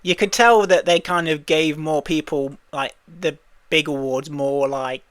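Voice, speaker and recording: Young English man co-hosting a podcast, fairly high-pitched, loose and chatty, quick to laugh, dry close sound. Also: fairly even intonation, a bit bright, clear, resonant tone, dry recording. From England. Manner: chatty, laughs often, acts out quotes in high squeaky voices. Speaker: podcast co-host. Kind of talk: casual chat.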